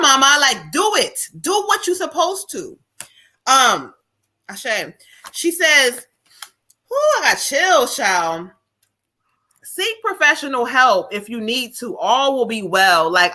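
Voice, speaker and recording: A woman's voice: fairly high pitch, bright, forceful tone. A woman medium giving a live spiritual reading, talking casually and calling the listener "child" as she relays messages. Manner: colloquial, calls the listener "child"; relays messages, switching into quoted lines. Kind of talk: live stream card reading.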